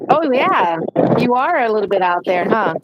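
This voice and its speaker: A woman's voice: mid-range voice, big pitch swings, normal speed, muffled recording, heavy background noise. A middle-aged woman from Guam, hosting a live stream in casual, chatty talk.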